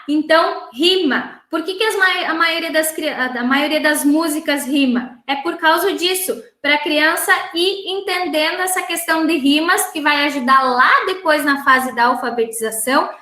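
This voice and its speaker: A Brazilian woman speech therapist giving a talk for parents, instructive, closing her points with a quick "tá?". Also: high-pitched, bright, forceful tone. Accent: Brazilian Portuguese. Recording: roomy echo.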